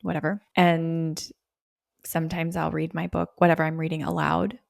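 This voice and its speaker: A woman's voice: deep voice, flat delivery, moderate pace, gravelly, no room sound, studio quality. A young woman co-hosting a podcast, chatting casually, laughing often and filling her talk with "like". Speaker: podcast co-host. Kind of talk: casual chat.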